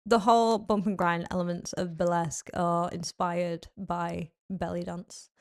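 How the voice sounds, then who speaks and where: A woman's voice: fairly low pitch, level tone, a little slow. A woman guest on a podcast, chatting casually about burlesque history, laughing often. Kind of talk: casual chat.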